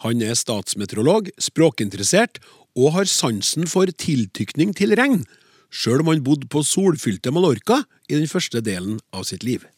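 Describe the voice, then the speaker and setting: A man's voice: a little high, very animated, slightly rough, no room sound, clean studio sound. A man hosting a radio language program, playful and chatty with his guests. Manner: playful, chatty, reads listener letters aloud. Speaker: radio show host. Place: radio studio.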